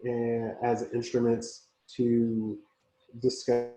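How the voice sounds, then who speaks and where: A man speaking as a community organizer on a conference call whose audio keeps breaking up, talking in a slow, halting way with many pauses. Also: mid-range voice, completely flat delivery, warm tone, slight background noise. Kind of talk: speaking as a guest on a panel. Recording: muffled, echoey conference call line.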